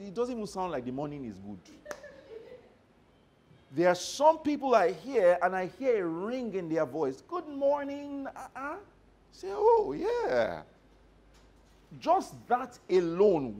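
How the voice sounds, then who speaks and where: A male motivational trainer speaking to a roomful of staff, his voice pitched a little high and swinging widely as he tells stories. He keeps stopping to check that his listeners are following him. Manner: animated storyteller who checks in with the audience. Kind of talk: live workshop talk to staff.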